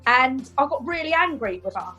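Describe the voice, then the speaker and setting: A woman's voice: sits high, animated, normal speed, sharp tone, highs cut off, faint music behind. A woman with an English accent, a former client on a video call, asking her question hesitantly with many fillers and rising agitation.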